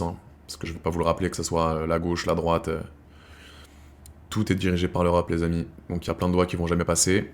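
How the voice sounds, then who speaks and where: A man with a fairly low voice hosts a live chat, speaking in loose, slangy everyday talk. He keeps addressing his viewers as brothers and circles back over his own half-finished sentences. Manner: slangy, calls viewers "brothers", rambling restarts. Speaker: host of a live chat show. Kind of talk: casual live chat with viewers, reading comments.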